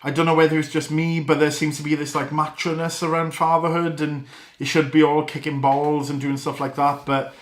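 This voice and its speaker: A man's voice: a little high, flat delivery, fairly quick, echoey room. A young man, a father, talking casually to the camera at home, earnest and rambling, with small laughs and restarts. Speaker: father and vlogger. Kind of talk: casual vlog talk to camera. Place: living room at home.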